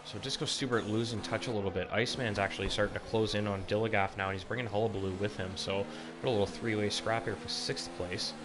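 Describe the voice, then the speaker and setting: A man's voice: on the low side, steady tone, fast talker, background noise. A man doing live, casually phrased motorsport commentary on an online race as the lead commentator. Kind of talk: live sim racing commentary.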